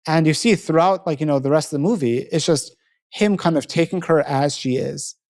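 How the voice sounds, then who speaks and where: A man's voice: on the high side, fairly quick, a little mellow. A man hosting a podcast who talks casually and rambles a little, filling his speech with "like" and "you know" and correcting himself as he goes. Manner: chatty, lots of "like" and "you know", self-correcting. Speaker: podcast host.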